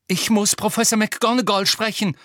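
A man's voice: medium pitch, normal speed, fairly bright tone, husky, no room sound, clean studio sound. A male audiobook narrator voicing a frightened teenage boy wizard who stammers and pants out urgent words. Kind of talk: audiobook character voice.

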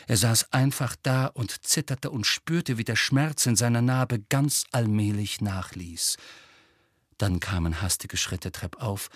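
A man's voice: fairly low pitch, dry recording. Guy narrating an audiobook, dramatic, very dry close sound. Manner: expressive, tension-building.

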